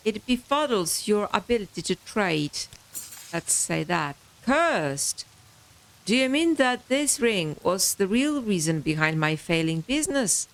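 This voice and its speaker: A woman's voice: mid-range voice, poor audio. A woman reading out a game shopkeeper's dialogue, lifting her voice earnestly. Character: earnest shopkeeper grateful for the truth.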